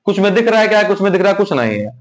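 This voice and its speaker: A man's voice: high voice, sing-song, very fast. A man teaching a science class in a classroom, asking students questions and repeating the key words back to them. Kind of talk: classroom lesson. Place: classroom with whiteboard. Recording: dull lo-fi sound.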